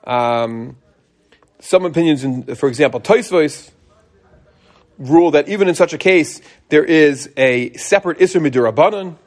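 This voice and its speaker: A middle-aged man giving an informal religious law class as a rabbi, conversational and animated, often asking and answering his own questions. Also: on the high side, normal speed.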